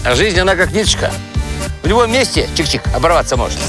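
High, swinging-voiced gangster. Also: male voice, very animated, fast, music in the background. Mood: menacing. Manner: threatening, slangy, patronising. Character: menacing small-time gangster, slow and condescending. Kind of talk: screen comedy-drama acting. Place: outdoors by a car in woods.

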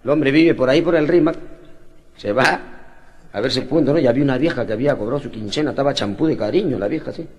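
A man telling street jokes in lively, slangy stand-up style, swinging his voice up and down. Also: medium pitch, fast. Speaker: comedian.

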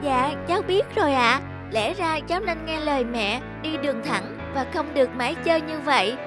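Cute naive little girl, high voice, polite, cartoon with music behind. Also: lively intonation, moderate pace. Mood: remorseful. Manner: bright-eyed, polite, childlike. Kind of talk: children's fairy-tale cartoon dub. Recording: music under the voice.

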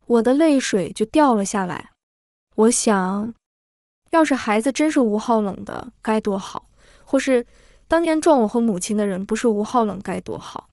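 A woman with a slightly high voice reads a dramatic first-person story as a storyteller. Her delivery is steady and even throughout. She is recorded close to the mic in a dry, dead room. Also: normal speed, no echo. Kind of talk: scripted first-person narration.

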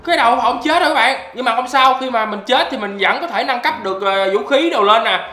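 A man doing excitable gameplay commentary as a YouTuber, often breaking into loud exclamations. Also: very high voice, quick pace, roomy sound, faint music behind. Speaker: gaming YouTuber.

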